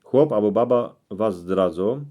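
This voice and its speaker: A man with a Cieszyn Silesian accent reading out interpretations in dialect, in terse phrases with pauses. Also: lowish voice, animated, warm tone. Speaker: presenter explaining dream meanings.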